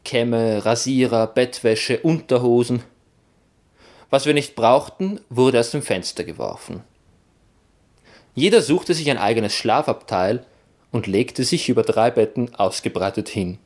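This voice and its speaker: A man reading a children's adventure story aloud in first person, with expressive, playful delivery. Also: medium pitch, a little slow. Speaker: narrator.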